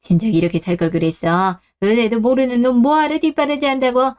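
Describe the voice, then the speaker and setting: A woman's voice: on the high side, steady tone, a little fast, darkish tone, clear, resonant tone, close to an everyday voice. A woman voicing a firm older mother who scolds her grown son in a radio drama. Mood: scolding. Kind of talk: Korean radio drama acting.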